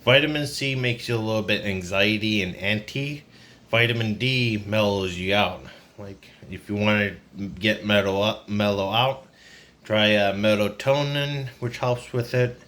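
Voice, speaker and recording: Deep-voiced, burned-out young man vlogging. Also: measured pace, a bit bright. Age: 20s. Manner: downcast, burned-out, confiding. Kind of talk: casual rambling personal vlog. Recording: noisy ambient background.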